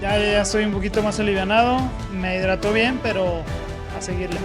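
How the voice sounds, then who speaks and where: A man's voice: high voice, fairly even intonation, a little fast. A man with a Mexican accent chatting casually as a guest on an outdoor vlog. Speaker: guest influencer. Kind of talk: casual chat. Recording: music over outdoor talk.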